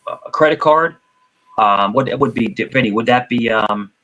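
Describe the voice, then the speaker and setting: A man chatting casually in a group, animated and repetitive, who often slips into put-on voices. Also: medium pitch, a little slow, highs cut off. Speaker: host.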